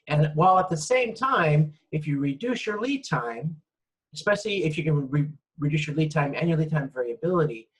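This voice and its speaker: A man with a slightly high voice gives an informal lecture over screen-shared slides online, explaining things conversationally and checking in often. The recording quality is low.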